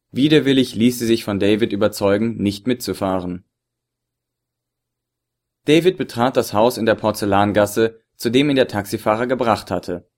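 A man reading a novel aloud in measured, scripted narration. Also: lowish voice, darkish tone. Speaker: audiobook narrator.

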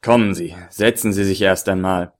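A man reading an audiobook voices a polite, eager male hotel manager in a lower voice. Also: steady tone, normal speed, close to an everyday voice. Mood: courteous. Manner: courteous, eager.

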